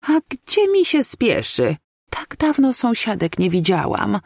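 Brief: prying, chattering old busybody, put on by the reader, high and lively. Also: unhurried, dry recording, studio quality, heavily acted. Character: nosy elderly woman, gossiping neighbour.

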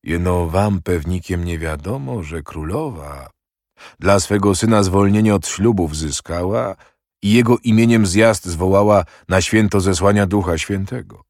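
A man's voice: low-pitched, unhurried, a little mellow, no echo, clean studio sound. A man reading the part of a proud, impatient young prince who speaks curtly and mockingly. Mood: brusque. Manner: curt, brusque and mocking.

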